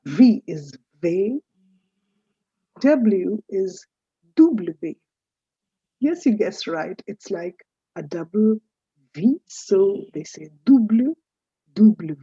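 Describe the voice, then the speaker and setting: A woman teaching French in a recorded lecture, saying each letter slowly and stressing its sound. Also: mid-range voice, lively intonation, warm tone, breathy edge, dry recording, muffled recording.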